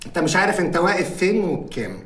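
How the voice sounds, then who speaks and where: Pompous Egyptian boss. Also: male voice, high voice, very animated, racing, a bit bright. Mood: bossy. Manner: blustering, self-important, teasing. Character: pompous bossy male company owner, petty and jealous. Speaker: company owner. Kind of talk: comic film acting. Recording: film audio with room echo and music.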